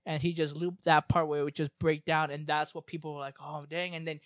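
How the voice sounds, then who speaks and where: A man's voice: on the high side, flat delivery, fast, dry recording, clean studio sound. A man in casual chat, explaining at length with many restarts and fillers.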